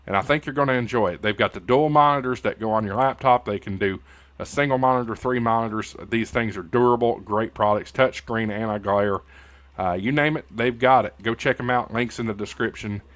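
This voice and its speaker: A man with an Appalachian hillbilly accent hosts a casual tutorial livestream in a folksy, informal way, calling his viewers "y'all" and "guys" as he talks straight to them. His voice is fairly low and a little fast. He is a YouTube host and an amateur radio news anchor.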